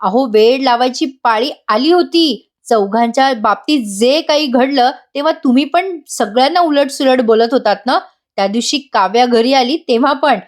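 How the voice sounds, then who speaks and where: A woman's voice: high-pitched, moderate pace, lightly acted. A woman voicing a firm, outspoken middle-aged mother from a TV serial. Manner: firm, blunt.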